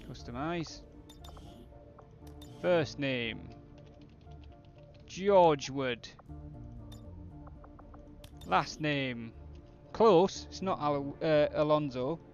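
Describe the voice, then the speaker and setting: British man, casual game streamer, blokey and sweary, creaky voice, faint music behind. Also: on the high side, very slow, long pauses, muffled recording. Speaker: gaming streamer. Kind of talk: casual game commentary with viewer chat.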